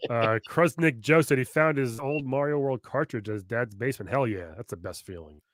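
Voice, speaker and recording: A man co-hosting a casual podcast, laughing a lot, swearing casually and throwing in quick asides while reading old magazine letters. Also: mid-range voice, no echo, clean studio sound. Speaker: podcast co-host.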